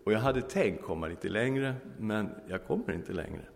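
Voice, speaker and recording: Man preaching, low voice, humorous storytelling, long hall reverb. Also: expressive, gravelly. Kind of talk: sermon.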